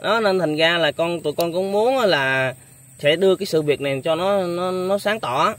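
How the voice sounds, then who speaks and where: Hesitant young man host, higher voice. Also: normal speed, fairly bright tone. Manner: hesitant, many fillers, polite deferential. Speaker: vlogger host. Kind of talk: casual interview chat.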